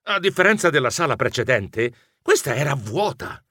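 A man narrating a children's adventure audiobook as a bookish mouse, telling the story in an animated way. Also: medium pitch, moderate pace, dry recording, studio quality.

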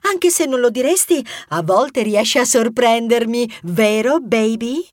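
A woman's voice: fairly high pitch, measured pace, no echo, clean studio sound. A woman voicing a sassy, bold female mouse adventurer in an audiobook, teasing and bossy in a playful way. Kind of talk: audiobook character voice.

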